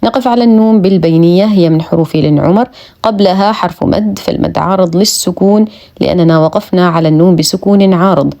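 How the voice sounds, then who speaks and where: A woman teaching Quran recitation rules, explaining each rule and then reciting words slowly and precisely. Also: on the low side, gravelly, mellow, muffled recording. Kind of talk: tajweed lesson, explaining rules between slow recited words.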